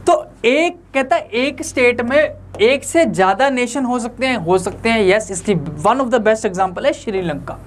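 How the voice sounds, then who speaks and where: A man's voice: high voice, slight background noise. A young man teaching an online lecture in a conversational way, often asking the viewers rhetorical questions.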